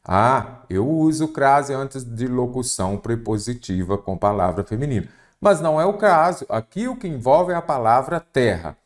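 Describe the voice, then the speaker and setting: A man's voice: medium pitch, animated, moderate pace, roomy sound. A middle-aged Brazilian man teaching an exam-prep Portuguese lesson, emphatic and full of rhetorical questions, telling students to take notes.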